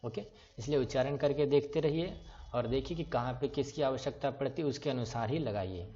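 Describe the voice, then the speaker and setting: The clip is an online lesson on writing names in English letters, where a man patiently divides words and spells them one letter at a time. His voice is medium-pitched, fairly quick and dark in tone, heard through a slightly dull lo-fi recording.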